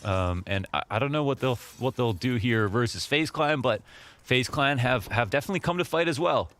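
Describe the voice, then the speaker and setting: A man's voice: mid-range voice, a little fast, fairly bright tone. A man giving esports color commentary, thoughtful and hesitant, with many fillers. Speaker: analyst commentator. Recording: game sounds and gunfire behind.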